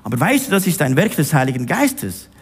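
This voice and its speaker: Lively high-pitched man preaching a sermon. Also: brisk, slightly rough. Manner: emphatic, direct address to listener.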